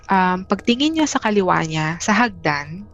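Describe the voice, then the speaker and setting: A woman from the Philippines, a guest telling a personal story in a casual, halting way, with many restarts and fillers. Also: on the low side, lively intonation, a bit bright, lo-fi sound, faint music behind. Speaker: interview guest.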